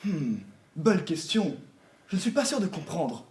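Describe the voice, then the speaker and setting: A puzzled, newly made artificial being, put on by an improv player speaks through a morphing voice changer. Its mid-pitched tone swings widely but comes out slow and hesitant. It sounds distant and roomy, as if heard from across an echoing space. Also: very animated, darkish tone.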